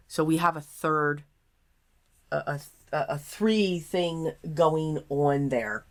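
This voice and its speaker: The room is echoey and sounds sparsely furnished. In it, a woman with a somewhat low-pitched voice hosts a craft tutorial. She talks casually and without hurry, explaining each step out loud. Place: small table in a nearly empty craft room.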